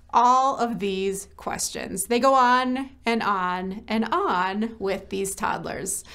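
Gentle storytelling woman giving a devotional. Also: fairly high pitch. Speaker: church ministry staff. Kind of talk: short devotional message.

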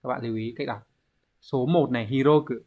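A man's voice: mid-range voice, fairly quick, darkish tone. A man teaching an online exam-prep language lesson, explaining step by step and posing rhetorical questions to his students.

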